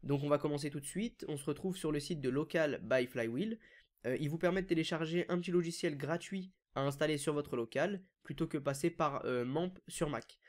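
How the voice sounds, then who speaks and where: A man hosting a screen-recorded software tutorial, explaining each step casually with frequent fillers. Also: on the high side, a little fast. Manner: casual, step-by-step, many "donc" and "euh" fillers. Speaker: WordPress consultant and YouTube tutorial host.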